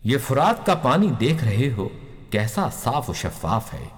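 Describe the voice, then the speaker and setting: A man voicing a defiant enemy soldier who jeers loudly, recorded with long hall reverb. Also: mid-range voice, big pitch swings, voice pushed up, close to an everyday voice. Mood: taunting. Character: defiant enemy soldier taunting a thirsty camp, male.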